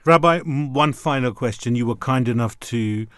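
A male radio host with a mid-pitched voice interviews his guests with formal courtesy. His speech is recorded dry and close, and it often stops and restarts mid-phrase. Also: normal speed, a bit bright, dry recording.

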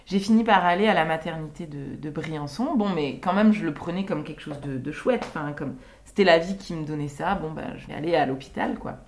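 A young woman with a slightly low voice recounts her birth stories in a soft, intimate, reflective way. She talks unscripted and halting, stopping often on fillers as she gathers her thoughts. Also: a little hiss or hum. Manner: hesitant, many pauses and fillers. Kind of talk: unscripted personal testimony.

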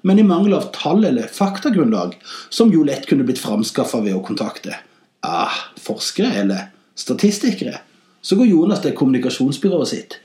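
A man hosting a comedy podcast, telling comic stories and giving satirical commentary in an animated voice with sarcastic, deadpan jabs. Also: roomy sound. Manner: animated, with big swings in pitch and loudness.

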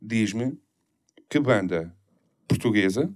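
A man's voice: on the low side, animated, slow. A man co-hosting a podcast in casual, informal conversation with plenty of slang. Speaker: podcast co-host. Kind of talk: casual chat.

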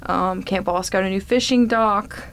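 A woman's voice: mid-range voice, steady tone, moderate pace. A woman guest in a casual interview, explaining programs in a friendly way with frequent ums. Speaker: foundation representative, guest.

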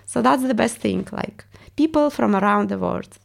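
A woman's voice: medium pitch, lively intonation, normal speed, gravelly. A woman from Estonia with a Russian accent, speaking reflectively as an interview guest and searching for words in her non-native English. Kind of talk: reflective personal interview talk.

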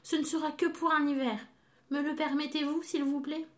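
A woman's voice: high voice, little pitch movement, normal speed, pitched above the performer's own voice, lightly acted. A woman voicing a polite, pleading young male blackbird with a broken wing in a storybook tale.

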